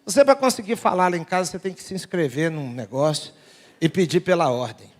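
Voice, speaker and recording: Male pastor with a high voice, preaching with humor in a big reverberant church. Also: brisk. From Brazil. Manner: storytelling, humorous, acts out dialogue. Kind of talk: sermon. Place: large church sanctuary. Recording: long church hall reverb.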